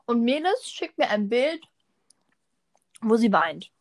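A woman's voice: fairly high pitch, very animated, slow pace, no room sound, studio quality. A teenage girl chatting casually with a friend, acting out little stories and quoted exchanges. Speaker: podcast co-host. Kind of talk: casual chat between friends.

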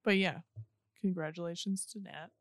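A woman's voice: lowish voice, moderate pace, dry recording. Rambling woman podcast host, dry close mic. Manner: rambling, filler-heavy musing. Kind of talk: casual chat.

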